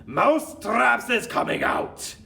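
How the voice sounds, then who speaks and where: A man's voice: medium pitch, big pitch swings, moderate pace, fairly bright tone. A gloating old storybook witch, played by a man, chanting her wicked schemes in broken grammar. The delivery swoops up from declaiming to shrieks, caught a little far from the mic. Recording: distant mic, faint background noise.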